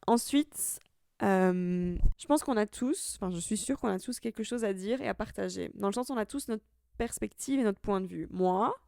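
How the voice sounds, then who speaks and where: A woman's voice: medium pitch, normal speed, gravelly, mellow, no echo, studio quality. A woman in her twenties, from Italy, hosting a solo podcast and musing in a chatty, reflective way with casual slang. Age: 20s. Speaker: podcast host.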